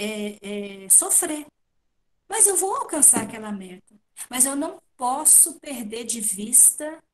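A middle-aged Brazilian woman, guest speaker at a spiritist gathering, gives a didactic devotional talk from home over a video call, explaining passages that were read. Her voice sits high, and she poses questions and answers them herself through a wired earphone headset.

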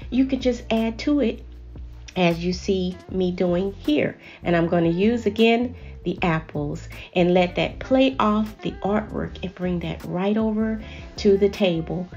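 A woman hosting a home decorating channel, gently chatting viewers through each step in a voice-over. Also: medium pitch, highs cut off. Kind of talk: voice-over narration of a decorating video.

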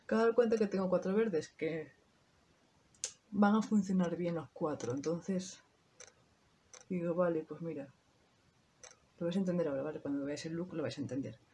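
A woman's voice: on the low side, moderate pace, pauses often, mellow, a little hiss or hum. Chatty Spanish woman doing her makeup. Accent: Spain Spanish. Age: 30s. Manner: chatty, talks straight to viewers, casual swearing. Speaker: beauty vlogger. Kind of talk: casual makeup tutorial chat.

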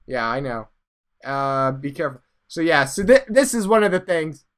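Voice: medium pitch, sing-song, normal speed. A let's play host giving casual, rambling game commentary, often trailing off into mumbles.

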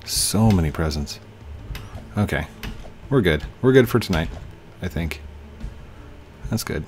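Animated yet a little slow, his low, slightly mellow voice comes through a headset at home with faint music behind. The tired-sounding gaming host, in his thirties, talks to game objects and hums while building in a casual let's play.

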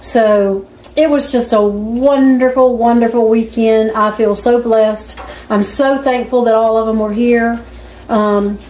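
A middle-aged or older woman with a slightly high, mellow voice vlogs from her home kitchen, chatting in a folksy, unhurried way as she cooks. The camera sits a few feet off, and the roomy space carries the sizzle of frying food.

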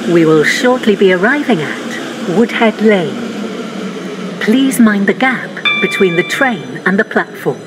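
Automated onboard announcer, woman, words spliced together, slow and lilting. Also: mid-range voice, very animated, background noise. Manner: stilted, pieced-together phrasing. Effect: spliced-together recorded words. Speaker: train on-board announcer.

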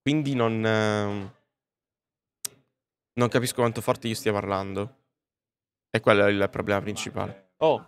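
A man's voice: fairly low pitch, steady tone, measured pace, long pauses. A man livestreaming from a booth at a comics convention, talking casually and directly to his viewers through a podcast-style microphone. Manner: chatty, addresses viewers directly. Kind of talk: casual live-stream chat.

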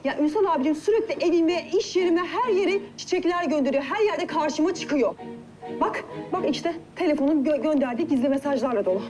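An actress as a frightened, high-voiced young woman. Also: over music, natural voice. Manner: panicky, pleading, quick to accuse. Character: frightened, agitated young woman who feels stalked. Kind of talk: TV series acting.

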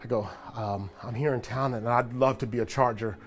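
A man's voice: mid-range voice, moderate pace. A man in his forties, a former football player, casually recounting memories while walking through an empty locker room and stadium. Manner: relaxed, reflective, animated when greeting a friend. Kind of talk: casual storytelling walk-and-talk.

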